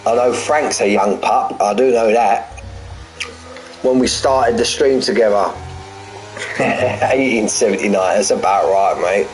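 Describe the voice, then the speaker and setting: A man in his forties, a sim racing commentator and streamer, calls a race live with a measured pace and a voice on the low side. He's chatty and jokey, repeating phrases and bantering with chat between the action. Faint music sits behind the rough recording.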